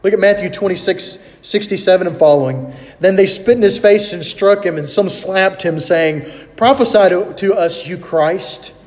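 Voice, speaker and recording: A man's voice: sits high, normal speed, long reverb tail. A man preaching a sermon in a conversational way, asking his listeners questions and reading scripture aloud. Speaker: pastor.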